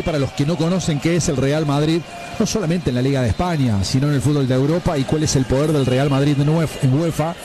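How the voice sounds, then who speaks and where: A man giving measured, emphatic opinions on a sports radio show. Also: a little high, background noise.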